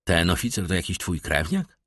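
A man's voice: sits low, big pitch swings, normal speed, fairly bright tone, dry recording, clean studio sound, exaggerated voice. A man voicing a wry, easygoing newspaper editor in an audiobook, jovial and ironic. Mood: measured. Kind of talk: audiobook character voice.

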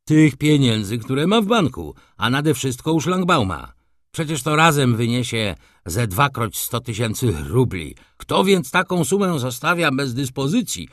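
A man's voice: medium pitch, big pitch swings, a little slow, dry recording, studio quality. A man voicing an indignant, gossiping middle-aged councillor in an audiobook, ranting with scandalized outrage.

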